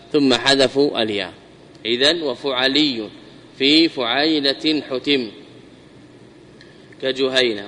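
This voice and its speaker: A man giving a classroom grammar lesson, repeating examples slowly and putting questions to his students. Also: mid-range voice, sharp tone. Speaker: teacher explaining grammar. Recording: long reverb hall.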